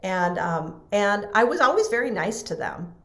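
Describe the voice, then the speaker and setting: A woman's voice: medium pitch, big pitch swings, moderate pace, a bit bright, reverberant. A woman in an interview telling an emotional personal story earnestly, acting out what others said. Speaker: guest. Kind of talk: casual storytelling in a podcast interview.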